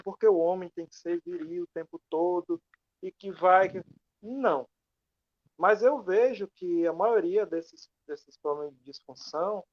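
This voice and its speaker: This speaker talks with passion and emphasis in a casual online live talk. Their pitch sits in the middle, and they keep asking rhetorical questions and acting out bits of dialogue. The video-call audio is somewhat muffled. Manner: impassioned, emphatic, asks many rhetorical questions. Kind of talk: casual live-stream discussion.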